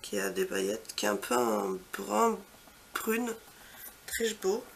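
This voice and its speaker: A woman vlogger chatting casually through a makeup swatch walkthrough. She gushes with repeated superlatives and trails off into soft, quiet asides. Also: mid-range voice, fairly even intonation, takes it slowly, vocal fry, a little hiss or hum. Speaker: beauty vlogger.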